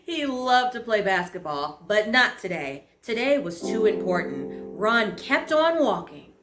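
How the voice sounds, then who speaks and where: A woman narrating a children's story as host, with an expressive, deliberate storyteller delivery. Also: mid-range voice. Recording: roomy echo under prominent music. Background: guitar and piano music score.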